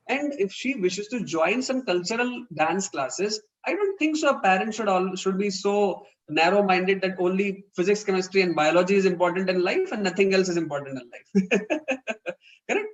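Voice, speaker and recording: Over dull-sounding audio, a high-pitched man with an Indian English accent presents an online parenting webinar. He is earnest and explanatory, performing the dialogue he quotes.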